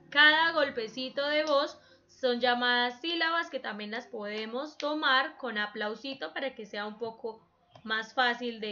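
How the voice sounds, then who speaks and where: A woman's voice: high-pitched, sharp tone, dull audio. A woman teaching a children's class, patiently explaining examples and prompting the pupils with questions. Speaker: primary school teacher.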